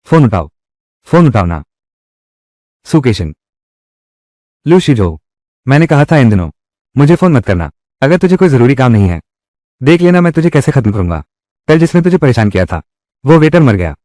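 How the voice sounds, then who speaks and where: A man's voice: medium pitch, mellow, no room sound, natural voice. A man dubbing a menacing tough guy in a revenge drama, with a threatening, confrontational delivery in a close studio recording. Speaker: dubbing voice actor. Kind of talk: Hindi dub of a live-action drama.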